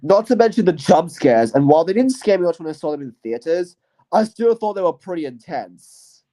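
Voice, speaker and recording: The host of his own channel speaks in a high, mellow voice with big pitch swings and a brisk pace. Rambling through his year and some movie reviews, he hesitates a lot, leans on "you know" and "I guess," and lets sentences trail away.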